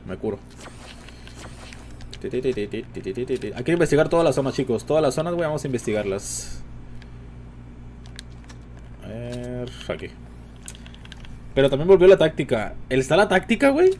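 A man with a Mexican Spanish accent giving casual, chatty commentary while streaming a game, talking to his viewers all the time and jumping into high-pitched exclamations. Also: very animated, a little slow, long pauses, a little mellow, a little hiss or hum. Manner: chatty, addresses viewers constantly. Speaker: gaming streamer.

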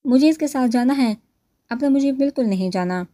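A stubborn young woman protests in a mellow voice, as the woman narrator reads her lines. The sound is dry and close to the mic. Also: high voice, no echo, voice pushed up, lightly acted. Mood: angry. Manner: pleading then shouting. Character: innocent young woman, stubborn and angry heroine.

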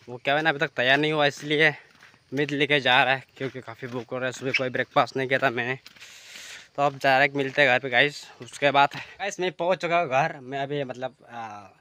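A man's voice: mid-range voice, fairly even intonation, brisk, pushed and bright, a little hiss or hum. A young man chatting casually to viewers in a vlog, filmed on a phone at arm's length outdoors. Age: young adult. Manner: chatty, addresses viewers directly. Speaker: vlogger. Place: outdoors by a river, then a hut indoors. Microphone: phone camera held at arm's length.

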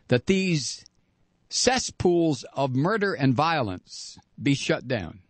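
A man's voice: on the high side, no room sound. A man hosting a political radio talk show, delivering a sarcastic, indignant monologue.

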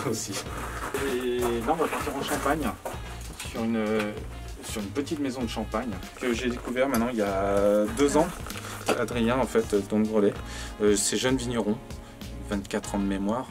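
A man in his thirties, a head sommelier, talking casually with lots of fillers while showing a wine cellar. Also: fairly low pitch. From Charente, France. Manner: conversational, many fillers and "en fait". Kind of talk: guided cellar tour. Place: stone wine cellar indoors.

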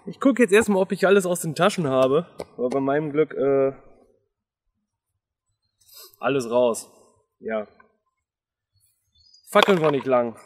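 A man's voice: on the high side, measured pace, pauses often, long reverb tail. A man in his thirties talking casually and off the cuff to a camera a few metres away outdoors. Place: outdoors in a garden.

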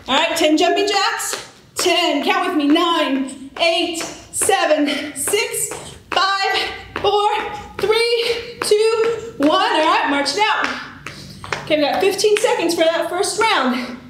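A middle-aged woman aerobics instructor energetically calls out moves and counts, offering encouragement while she exercises in a large indoor studio with a wooden floor. Her voice is extremely high, slow, and a bit bright. The studio is very echoey, with clear background noise.

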